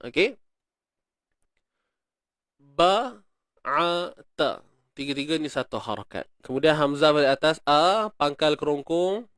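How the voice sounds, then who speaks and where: A man's voice: on the high side, expressive, fairly bright tone, dry recording. Patient Malaysian man teaching Quran recitation. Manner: patient, repeats words slowly and chants verses. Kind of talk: tajwid lesson, explaining and reciting.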